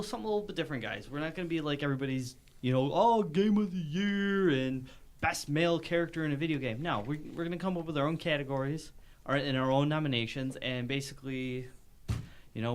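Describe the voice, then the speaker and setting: A man hosting a casual gaming podcast, talking in upbeat quick bursts and restarting his sentences. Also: on the high side. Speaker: podcast host.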